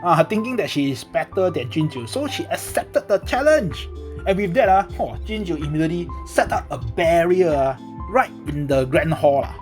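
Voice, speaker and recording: Singaporean guy doing a casual recap in singlish, highish voice, super animated, lots of lah, bit of music under it. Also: moderate pace. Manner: Singlish phrasing with frequent lah and ah particles; animated, exclamatory. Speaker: drama recap narrator. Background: background music.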